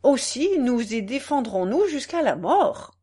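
Figure: witty male writer read by a woman. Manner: dry and ironic. Delivery: animated pitch. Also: measured pace, breathy edge, heavily acted.

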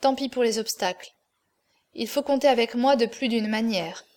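A woman's voice: fairly high pitch, normal speed, a little mellow, natural voice. A woman reading an audiobook, voicing a proud adult male swordsman who speaks firmly and solemnly. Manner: firm, solemn, cold.

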